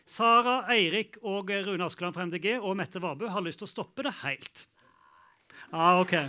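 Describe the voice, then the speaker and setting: A man moderates a live panel debate with a high, ringing voice. He is brisk and jokey as he reads out audience questions. His tone is bright and lively.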